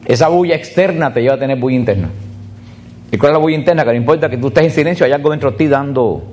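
A man preaching at a religious retreat, addressing the group directly, often repeating himself and slowing down on key words. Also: medium pitch, a little mellow, a little hiss or hum. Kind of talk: sermon.

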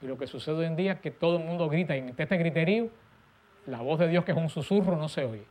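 A man preaches a sermon quickly, hitting key words with emphasis while his voice softens and falls low at the ends of phrases.

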